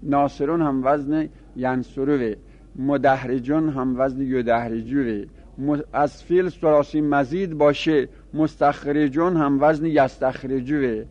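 A male teacher lectures on grammar at an ordinary middle pitch, working through each pattern methodically and repeating the pairs aloud. He poses questions and then answers them himself. The recording sounds dull and lo-fi. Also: fairly even intonation, a little mellow. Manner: asks and answers his own questions. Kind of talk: classroom lecture.

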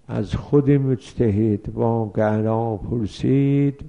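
A man's voice: medium pitch, creaky, dark tone. A man teaching a seminary lesson on religious law, reading out Arabic passages and explaining each one with worked examples. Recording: dull lo-fi recording.

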